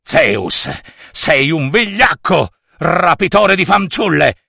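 A man voicing a furious river god, a wrathful father who booms and shouts accusations. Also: big pitch swings, slow, gravelly, slightly rough, no room sound, studio quality, full character voice.

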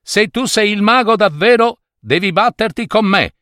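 A man doing a high, eager young hero. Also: lively intonation, normal speed, pushed and bright, no echo, studio quality. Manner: pleading and urgent.

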